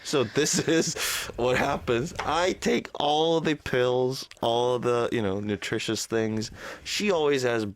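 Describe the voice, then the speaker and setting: A woman's voice: rumbling low, slow pace, few pauses, a little hiss or hum. A woman in her thirties co-hosting a radio show in casual on-air chat, sick with a cold and fever, laughing often and restarting her sentences. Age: 30s. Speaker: radio co-host.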